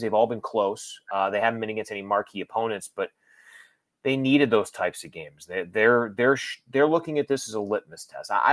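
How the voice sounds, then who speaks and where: Recorded close up and dry with no room sound, a low-voiced man talks as a guest sports analyst. He speaks conversationally but haltingly, doubling back on phrases while he thinks out loud.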